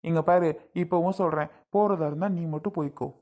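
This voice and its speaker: A woman's voice: fairly low pitch, fast, warm tone, natural voice. A woman playing a stubborn husband who teases and mocks his wife, in a family skit. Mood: sarcastic. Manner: sarcastic, teasing. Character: teasing, stubborn husband Arjun.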